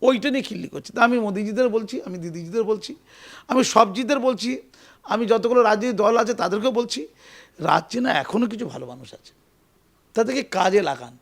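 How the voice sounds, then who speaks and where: A man giving an animated, emphatic political interview, often repeating his phrases. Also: high voice, fast, creaky. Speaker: interview guest.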